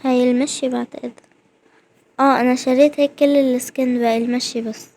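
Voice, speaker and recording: A young woman chatters through a game, her voice high and bright. She gets carried away, repeating words over and over in excitement. A faint hiss sits under the recording. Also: fast talker. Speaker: gaming vlogger. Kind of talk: excited gameplay commentary.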